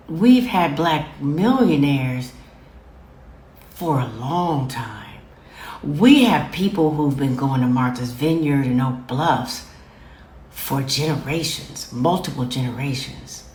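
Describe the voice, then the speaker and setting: Sitting low with lively intonation, her slow, darkish voice carries a roomy sound. She's hosting her own show, speaking directly to camera and lecturing viewers affectionately but firmly, repeating phrases for emphasis and calling them babies and fam.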